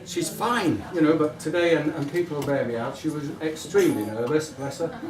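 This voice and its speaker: At a wedding reception, a middle-aged man gives an informal, affectionate father of the bride speech, hesitant and rambling, in a fairly high voice at a slightly fast pace. The echoey room and distant mic pick up crowd and audience noise, with guests murmuring and laughing in the background.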